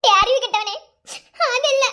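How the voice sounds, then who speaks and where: A woman's voice: very high-pitched, normal speed, pushed and bright. A woman voicing a flustered, teasing young woman in a cartoon, whiny and giggly, with a Madurai Tamil accent. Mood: whiny tearful. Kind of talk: cartoon voice acting.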